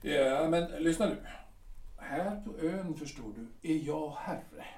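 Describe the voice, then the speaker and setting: Here a man takes on the role of Edgar, the aging, boastful artillery captain of an audio drama, caught up in bickering. His fairly high voice has a darkish tone and only light acting, captured in a distant, roomy recording.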